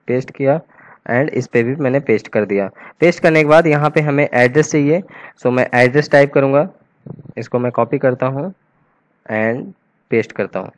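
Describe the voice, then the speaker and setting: A man's voice: medium pitch, moderate pace. A man teaching a coding tutorial over a screen recording, talking casually and thinking aloud as he types, slipping English terms into his Hindi.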